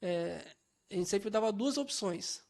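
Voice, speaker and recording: A man's voice: sits high, lively intonation, slow pace, creaky, a little mellow. A man from Brazil, an adoptive father, telling family stories in a casual podcast conversation, acting out dialogue and laughing easily.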